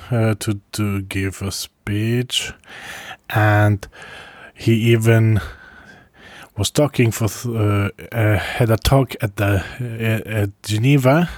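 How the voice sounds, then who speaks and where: Slow, halting man recounting his travels. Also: fairly low pitch, no echo. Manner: halting, with frequent pauses and restarts; soft chuckles between phrases. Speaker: traveler recording a video diary. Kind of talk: casual first-person travel diary.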